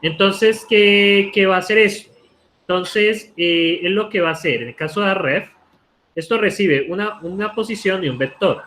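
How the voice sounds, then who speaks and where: Slight background noise sits under this male lecturer from Colombia, whose high-pitched, fairly bright voice moves at a moderate pace. Teaching code live online in Colombian Spanish, he narrates as he types and keeps asking students "¿cierto?"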